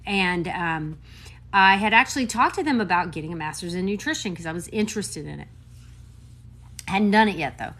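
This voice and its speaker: A woman in her fifties, a doctor, talking casually to camera in an animated, emphatic way with quick asides. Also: fairly low pitch. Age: 50s.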